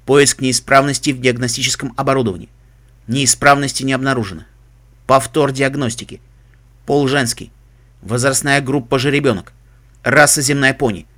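A metallic, emotionless helmet computer, voiced by a man, reads out terse status reports and word lists in a clipped, flat delivery. Its pitch sits mid-range and unremarkable. It is heard in a storybook-style reading. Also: normal speed, lightly acted. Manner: terse system announcements and dictionary listings. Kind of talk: audiobook reading of a fan story.

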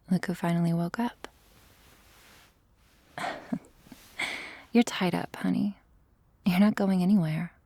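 A woman playing an obsessive, possessive young woman who holds a man captive, talking in a soft, menacing, profane whisper for an audio roleplay. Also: a little high, slightly rough, no echo, full character voice. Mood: taunting. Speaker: voice actor.

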